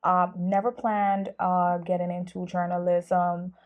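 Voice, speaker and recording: A woman's voice: on the low side, little pitch movement, slow. A woman from Guyana, a journalist telling her story in a casual interview. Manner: earnest, storytelling, with fillers. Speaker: journalist guest.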